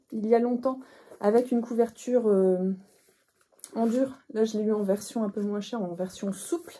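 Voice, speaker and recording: A woman's voice: on the high side, dark tone, breathy edge. A middle-aged woman hosting a knitting podcast, chatting casually with frequent hesitations and restarts. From northern France. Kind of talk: casual chat to camera.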